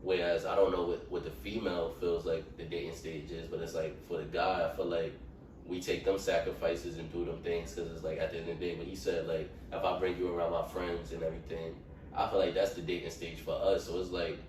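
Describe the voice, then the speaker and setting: A man's voice: low voice, little pitch movement, fairly quick, a little mellow. A man, a podcast guest, rambling in a casual group chat with many fillers. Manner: rambling, heavy use of fillers. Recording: echoey room, mic far off, faint noise.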